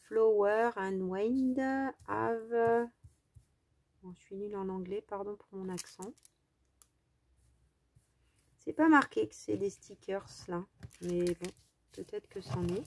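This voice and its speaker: A woman's voice: medium pitch, slow pace, vocal fry, pauses often, no room sound. Chatty woman showing a craft haul. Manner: chatty, enthusiastic about small items, lots of fillers. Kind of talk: casual haul vlog, showing items to camera.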